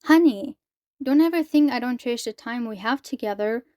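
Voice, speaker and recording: A woman's voice: on the high side, normal speed, mellow, no echo, studio quality, lightly acted. A woman reading the lines of an overly sweet, affectionate mother from a book, with syrupy endearments. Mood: sugary.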